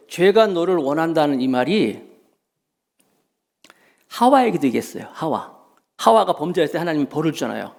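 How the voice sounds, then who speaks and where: Male pastor, middle-aged, emphatic sermon, high voice, lively pitch. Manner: emphatic preaching, swings from loud to hushed. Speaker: senior pastor.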